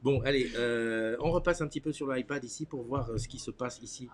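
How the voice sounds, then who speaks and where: A man with a medium-pitched voice hosts a casual live morning chat. He talks informally and teasingly, often saying a phrase several times over. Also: brisk. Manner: informal, teasing, repeats himself. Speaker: live morning show host.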